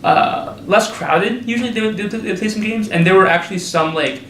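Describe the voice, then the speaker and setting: Young male student, higher voice, halting, room echo. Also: fairly bright tone. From Connecticut. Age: young adult. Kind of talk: casual interview. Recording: roomy.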